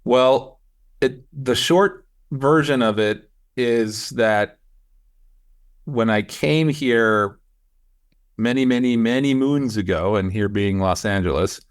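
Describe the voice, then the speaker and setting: A man's voice: medium pitch, slow pace. A man from Switzerland, a producer-director guest in a casual interview chat, easygoing and self-deprecating.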